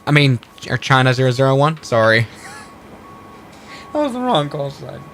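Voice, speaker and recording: There's slight background noise as this man, speaking a little slowly, narrates a flight simulator live stream step by step. His mid-range voice has big pitch swings and a fairly bright tone, and his commentary is casual, with frequent self-corrections.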